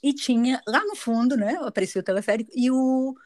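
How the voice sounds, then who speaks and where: A middle-aged Brazilian woman with a Brazilian Portuguese accent, a guest telling her story in a casual interview, chatty and quick to laugh. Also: a little high, darkish tone. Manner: chatty, laughs often, restarts sentences.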